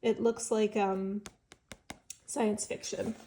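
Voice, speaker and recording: With a blocked nose, a vintage seller shows off her estate sale books in a casual show-and-tell, chatting with enthusiasm and thinking out loud with fillers. Her medium-pitched voice stays level and slow, with background noise.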